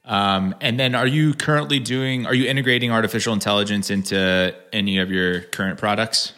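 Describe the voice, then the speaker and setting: A man's voice: fairly low pitch, fairly even intonation, a little fast, sharp tone. A man hosting a casual podcast interview, upbeat and asking easy questions. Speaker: podcast host.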